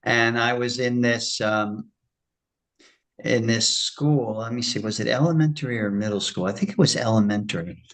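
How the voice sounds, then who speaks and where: A man, a retired schoolteacher, leading a spiritual class and telling a story in a casual, animated way. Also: mid-range voice, normal speed, low-quality recording. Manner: animated storyteller, acts out quoted voices. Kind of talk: casual storytelling after a lecture.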